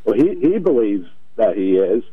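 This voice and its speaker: A man calling a radio show over the phone, halting and repeating his words. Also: fairly low pitch, big pitch swings, crowd noise. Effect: heard over a phone line. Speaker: caller. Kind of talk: radio call-in. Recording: tinny phone line.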